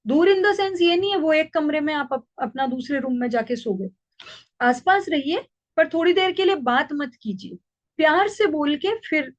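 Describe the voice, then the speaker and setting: Lady parenting coach with a high voice, patient and steady, sounds kinda dull and lo-fi. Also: moderate pace. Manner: calm, patient, explains with worked examples. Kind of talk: teaching a parenting class. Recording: dull lo-fi recording.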